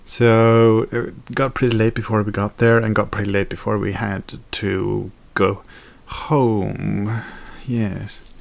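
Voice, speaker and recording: A man's voice: on the low side, little pitch movement, takes it slowly, gravelly. A young man chatting casually in a daily vlog, rambling with fillers and self-corrections. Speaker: video blogger.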